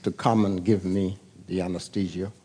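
An older man from the Bahamas, a pastor preaching a sermon and telling a personal story in a deliberate, storytelling way, acting out the voices he heard. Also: deep voice, little pitch movement, mellow, slightly rough.

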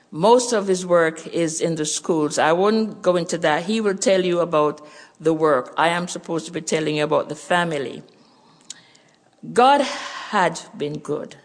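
An older Jamaican woman with a Jamaican accent and a lowish voice gives an earnest church missions report and testimony as a missionary.

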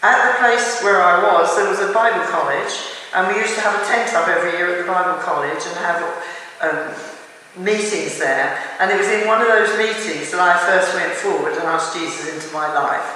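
An older English woman from England telling her personal testimony in an earnest, measured way, now and then restarting a phrase. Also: on the low side, bright, forceful tone. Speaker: church member giving testimony. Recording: echoey room from far off.

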